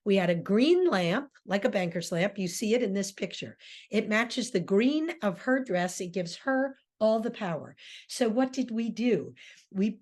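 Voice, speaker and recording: Animated woman giving a drama lecture. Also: mid-range voice. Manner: reads quoted dialogue aloud with hesitant fillers. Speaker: lecturer and theater director.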